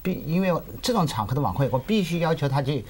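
A man's voice: on the high side, expressive, fast talker, darkish tone, a little hiss or hum. A middle-aged man, a guest music teacher, explaining casually in an interview. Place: TV studio at a desk.

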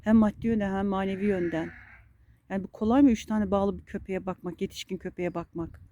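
A woman's voice: mid-range voice, steady tone, a little fast, mellow, dull audio. A woman vlogging in her garden, complaining wearily and cooing baby talk to her dogs. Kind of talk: casual vlog talk to camera and dogs. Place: outdoor garden.

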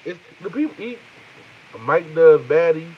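Profane high-voiced man riffing on stream. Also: expressive, measured pace, phone-quality sound, a little hiss or hum. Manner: loose, profane, riffing comic banter with viewers. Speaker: comedian live streamer. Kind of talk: rambling live-stream chat.

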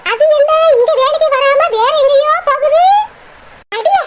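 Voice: extremely high pitch, normal speed. A performer voicing a fretful middle-aged village mother with a Kanyakumari Tamil accent, scolding and wailing by turns. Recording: loud clicks and background noise.

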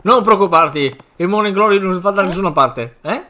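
A man reading subtitles aloud for a stern adult ex-yakuza who protects orphans, in a slightly deeper tone. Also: lively intonation, normal speed, sharp tone, slight background noise. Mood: determined.

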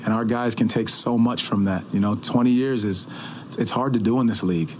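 Coach guy at a postgame presser, low steady voice, kinda flat, keeps restarting his sentences, table mic, faint hum behind. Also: low-quality recording. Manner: measured, repeats words and restarts often. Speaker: head coach. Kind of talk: postgame press conference answers. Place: press room in an arena. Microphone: table mic on a stand.

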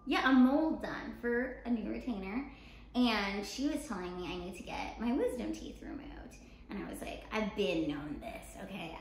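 In an echoey living room with faint background noise, a young American woman chats casually. Her voice sits fairly high, and she tells her story informally, acting out who said what with plenty of "like". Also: normal speed. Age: young adult. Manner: animated retelling with quoted dialogue, frequent "like". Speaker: show co-host telling a personal story. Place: apartment living room, indoors. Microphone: camera mic a few feet away.

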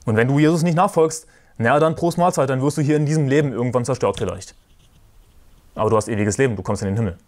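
Forceful combative male preacher. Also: mid-range voice, fast. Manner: forceful, combative preaching, repeats verse references. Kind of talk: sermon.

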